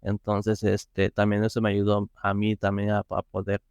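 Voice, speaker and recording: Male guest, low clear voice, halting, filler-heavy, casual interview, dry sound. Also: completely flat delivery, darkish tone, no room sound, muffled recording. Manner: hesitant, many fillers and restarts. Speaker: interview guest, software tester.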